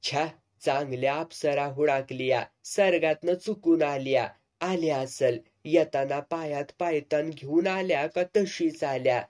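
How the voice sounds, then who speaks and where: A man's voice: fairly high pitch, a little slow, few pauses, darkish tone, close to an everyday voice. A man voicing an older rustic village man who teases and scolds his young companion in earthy country speech. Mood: scolding, teasing.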